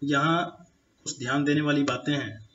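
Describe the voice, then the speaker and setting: A male teacher giving a slide-based grammar lesson to children, speaking slowly and deliberately and drawing out each example word. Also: on the high side, steady tone, a bit bright, muffled recording. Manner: slow, deliberate, draws out example words.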